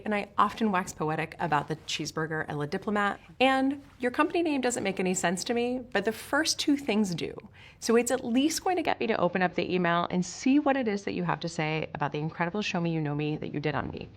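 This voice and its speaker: A woman's voice: medium pitch, animated, quick pace, slight background noise. A woman from Switzerland narrating a sales course in an upbeat, emphatic coaching manner, speaking straight to the viewer. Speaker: sales instructor.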